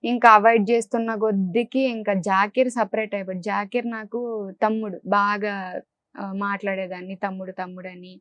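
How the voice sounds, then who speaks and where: A young woman speaking in a candid interview, talking in a subdued, hesitant way with pauses and restarts. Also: mid-range voice, little pitch movement, fairly bright tone, no room sound, lo-fi sound. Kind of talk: candid interview recounting a breakup.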